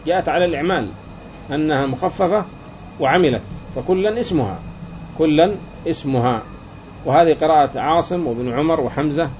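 A man's voice: a little high, fairly quick, long pauses, a little mellow, a little hiss or hum. Lo-fi recording of a man lecturing. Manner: explains step by step, repeating key phrases and asking the class rhetorical questions. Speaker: teacher of Arabic grammar. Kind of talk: classroom lecture. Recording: dull lo-fi recording.

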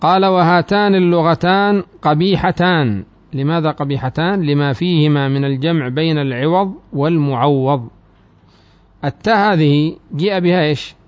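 A man teaching a classical Arabic grammar lesson. He reads the text slowly and deliberately, then explains it more quickly and quietly, asking his students questions. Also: a little high, no room sound. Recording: dry, dull lo-fi recording.

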